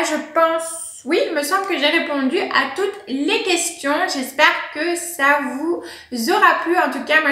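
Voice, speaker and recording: A woman's voice: high-pitched, pushed and bright. A woman chatting casually to camera at home, a plant vlogger who fills her talk with little hesitations and laughs. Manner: chatty, many fillers and laughs. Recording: echoey room.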